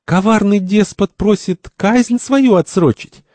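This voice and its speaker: A man's voice: fairly low pitch, sing-song, normal speed, dark tone, dry recording. A man voicing a prim, self-righteous young man who embodies conscience, in a stage-play reading. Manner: preachy, prim.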